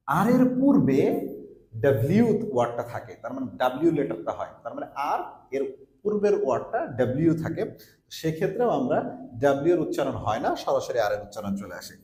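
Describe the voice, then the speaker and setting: Male teacher, lively and slightly high voice, patient step-by-step explainer, echoey room. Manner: explains step by step, repeats example words slowly. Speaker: English teacher. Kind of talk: pronunciation lesson.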